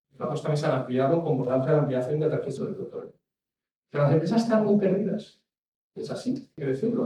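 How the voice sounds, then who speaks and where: A man's voice: fairly high pitch, warm tone. A man giving a rambling talk as an industry expert, restarting and adding asides. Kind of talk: talk on packaging regulation. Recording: echoey room from far off mic.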